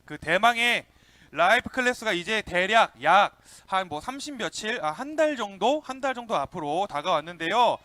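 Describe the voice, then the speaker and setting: A young man, a youth pastor, giving a lively children's sermon, calling out to the kids and asking them questions. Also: sits high, moderate pace, no room sound.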